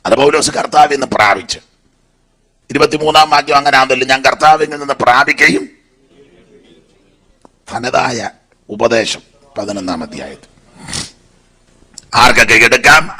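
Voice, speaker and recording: A man pastor with a Malayali accent preaching a sermon, with a blocked throat and an animated, listing delivery. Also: mid-range voice. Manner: animated preaching with lists and asides to the congregation.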